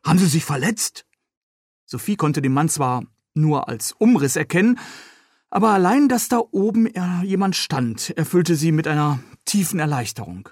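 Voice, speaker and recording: A man, the author, calmly reading narration from his own novel. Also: a little high, moderate pace, no echo, clean studio sound.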